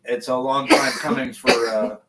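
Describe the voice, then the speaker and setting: A middle-aged man chatting casually on a livestream in a loose, halting, tipsy ramble. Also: medium pitch, sing-song. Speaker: streamer. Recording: clearly noisy room recording with clicks.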